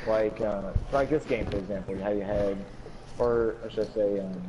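A man's voice: fairly low pitch, fairly even intonation, moderate pace, lo-fi sound, noisy background. A young man co-hosting a casual gaming podcast, rambling with many fillers and restarts. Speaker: podcast co-host.

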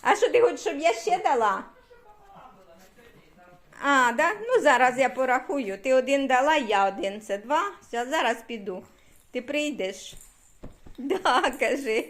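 Older woman from Ukraine, high bright voice, chatty homey vlogger who coos at her pet. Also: expressive, a little slow, long pauses. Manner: chatty, cooing affectionately at her dog. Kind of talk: casual home vlog chat. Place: indoors at home, then at a neighbor's house.

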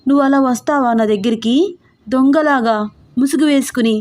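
A woman's voice: sits high, moderate pace, darkish tone, natural voice. A woman voicing a shy, playful young bride in an audio story, coy and mock-scolding.

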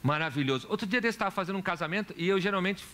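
A man's voice: sits high, fairly even intonation, very fast, pushed and bright. A man preaching a sermon in church as pastor, asking the congregation questions and telling stories. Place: church hall.

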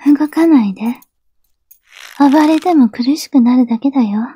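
A woman playing a possessive yandere girlfriend in a soft, breathy ASMR role-play, obsessively loving, clingy and sweetly menacing. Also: high voice, moderate pace, close to an everyday voice. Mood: menacing, pained. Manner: yandere: obsessively loving, soft, pleading turning coldly threatening.

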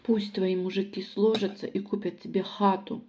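A woman's voice: mid-range voice, flat delivery, moderate pace, darkish tone. A woman vlogging to viewers while eating, talking bluntly and sarcastically with her mouth full of food. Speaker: mukbang vlogger.

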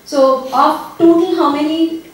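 A high-pitched woman leads an audience through a game at a seminar, brisk and prodding. She sounds far from the recorder in a very echoey room, with faint background noise. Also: steady tone. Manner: brisk, prodding, laughs between questions. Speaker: discussion moderator.

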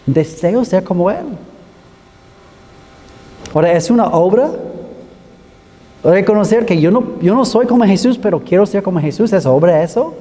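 A man's voice: high voice, expressive, moderate pace, pauses often, mellow, big-room sound. A man preaching a sermon in an earnest, pleading manner, calling his listeners brothers.

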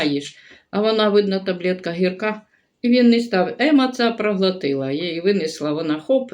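A woman's voice: lowish voice, darkish tone. An older woman from Ukraine chatting casually in a home vlog, rambling and mixing two languages as she talks. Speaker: vlogger grandmother.

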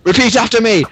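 A man's voice: very high voice, fairly bright tone, no echo. A young man doing joking mock sports commentary over a game, laughing often in a playful announcer voice.

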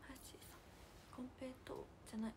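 A young woman with a hosting a casual livestream. She chats and giggles, reads out fan comments, and drops to soft near-whispers to thank viewers. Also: racing. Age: young adult. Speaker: idol livestream host.

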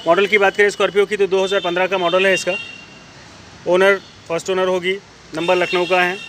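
A man gives a brisk, repetitive sales pitch while walking around cars on an outdoor lot, filming on a handheld phone. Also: fairly bright tone. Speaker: used car dealer. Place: outdoor used car lot. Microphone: handheld phone camera. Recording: faint outdoor street noise.

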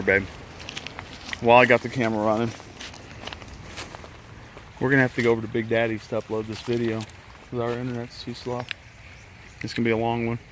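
A middle-aged fishing vlogger from Texas with a medium-pitched voice narrates casually outdoors, offering relaxed coaching beside a rocky creek. It was filmed on a handheld phone camera, and the audio is loud with rushing creek water.

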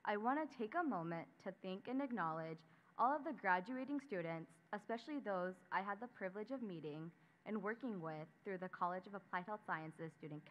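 A young woman, a student council member, giving a formal scripted ceremony speech at a podium microphone and announcing names in a measured way. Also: mid-range voice, slight background noise. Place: graduation ceremony. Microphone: speaking at a podium microphone. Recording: dull lo-fi sound.

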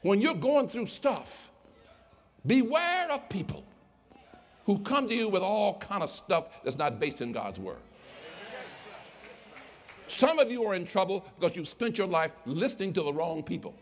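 A male pastor preaching a sermon, swinging from quiet asides to impassioned shouts. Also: high-pitched, sing-song, a little slow, pauses often.

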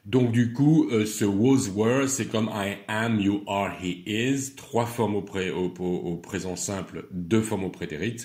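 A low-voiced man teaching at an unhurried, measured pace. He stresses each verb form carefully, then drops into a quieter explanatory tone. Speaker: English teacher. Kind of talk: reciting irregular verbs with explanations.

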